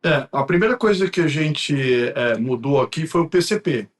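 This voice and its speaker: A man's voice: on the high side, animated, moderate pace. A man with a Brazilian accent, an interview guest explaining things in conversation. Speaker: guest from a printing company.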